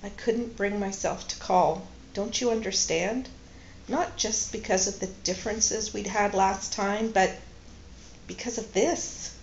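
A woman with a medium-pitched voice and vocal fry reads audiobook-style dialogue as a composed but grieving woman, speaking quietly and carefully and holding back tears at times. Her storybook delivery is slow and measured, restrained and sorrowful. The recording is roomy and a little muffled, with faint noise behind it.

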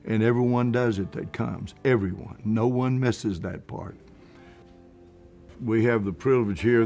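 A man's voice: on the low side, a little mellow. A man speaking earnestly and with enthusiasm in a casual interview, often repeating himself. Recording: faint guitar music behind.

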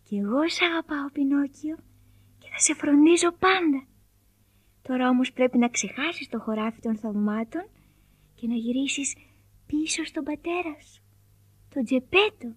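A woman voicing a gentle, kind fairy who speaks softly and hushed. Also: sits high, sing-song, dry recording. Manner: hushed, soft-spoken.

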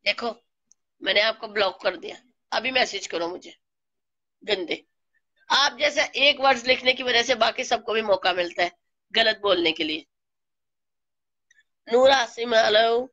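A woman with a Pakistani Urdu accent, slightly hoarse from a flu, slowly greeting live stream viewers by name and teasing them. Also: fairly high pitch, a bit bright, dry recording, muffled recording. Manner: slow, greets viewers by name, playful scolding. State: hoarse from a flu and sore throat.

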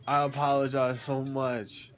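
A man's voice: mid-range voice, little pitch movement, unhurried. A young man, groggy from anesthesia, chatting casually and slangily to a phone, drifting from thought to thought. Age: young adult. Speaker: vlogger, patient after surgery. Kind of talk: casual rambling chat to camera. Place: hospital room, lying in bed. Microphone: phone at arm's length. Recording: background noise of a hospital room.

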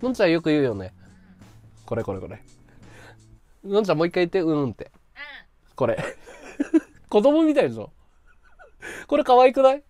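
A man's voice: high-pitched, wildly swooping pitch, moderate pace, pauses often, warm tone, soft background music. A man from Chiba chatting casually with his live-stream viewers, rambling and laughing at his own stories. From Chiba, Japan.

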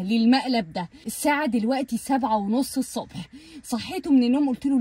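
Husky, fast-talking Egyptian woman. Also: fairly high pitch, mellow. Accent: Egyptian Arabic. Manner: rapid, bold and argumentative. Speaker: vlogger wife. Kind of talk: casual prank vlog chat.

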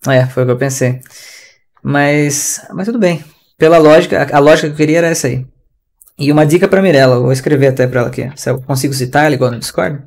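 A man's voice: a little high, fast, darkish tone. A man with a Brazilian Portuguese accent teaching an online English class in a chatty, slangy, ranting way over a video call.

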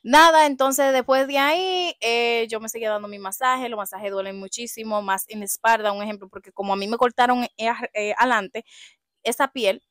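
A woman's voice: on the high side, fairly quick, no echo, clean studio sound. A young woman with a Dominican accent telling a casual storytime vlog, retelling events dramatically and acting out what people said. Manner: animated, dramatic retelling with acted quotes, many restarts. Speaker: vlogger.

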